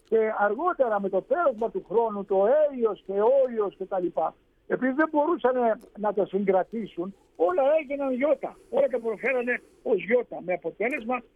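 High voiced guy on a phone line, dry sound, lots of ums and restarts. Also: expressive, no echo. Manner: hesitant, many fillers and restarts. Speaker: radio show guest speaker on Greek language. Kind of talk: explanatory radio talk.

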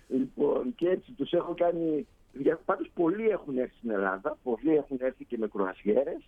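A man's voice: a little high, big pitch swings, vocal fry, narrow, tinny audio. A man from Greece chatting casually, telling stories and acting out quoted dialogue. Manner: storytelling, acts out quoted dialogue. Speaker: guest, Greek living in Canada. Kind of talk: casual chat.

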